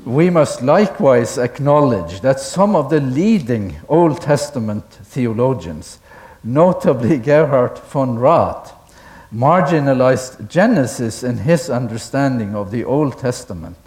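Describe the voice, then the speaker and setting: Man giving a deliberate academic lecture. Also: mid-range voice, expressive, darkish tone. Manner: deliberate, asks the audience questions, chuckles at own asides.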